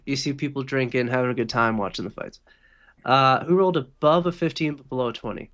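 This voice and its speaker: A man's voice: medium pitch, fast, fairly bright tone. A man narrating a tabletop game as game master, in a loose, laid-back way.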